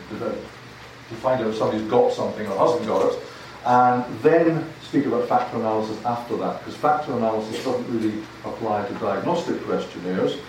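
An older Scottish man with a voice on the low side is guest-lecturing at a university, chatty and self-deprecating, frequently repeating words. The academic talk takes place in a large hall, heard through a distant handheld mic with echo and faint noise.

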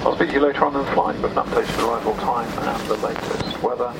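A man speaking as airline captain, giving a courteous, conversational announcement with pauses over the aircraft PA. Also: medium pitch, creaky. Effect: aircraft PA system. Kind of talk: pilot's welcome announcement, airport announcement style. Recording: very noisy cabin PA recording. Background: aircraft cabin and engine noise.

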